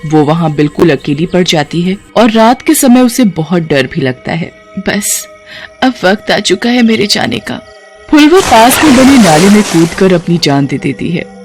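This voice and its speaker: A woman narrating a moral cartoon story in a steady storytelling way. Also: lowish voice.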